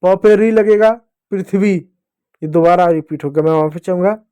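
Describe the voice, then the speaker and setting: A man teaching young children to read, speaking slowly and repeating each syllable for them to say after him. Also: high voice, mellow, clear, resonant tone. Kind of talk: Hindi reading lesson for children.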